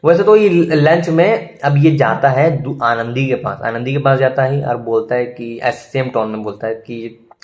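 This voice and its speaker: A young man telling a school story in a chatty, animated way, full of asides to his listener. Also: medium pitch, moderate pace. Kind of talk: casual storytime vlog.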